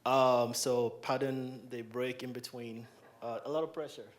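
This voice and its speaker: Holding a handheld microphone in a spacious hall, a young man from Ghana guides a libation rite with grave, recurring invocations. He speaks unhurriedly in a steady, mid-range voice, delivering a ceremonial address.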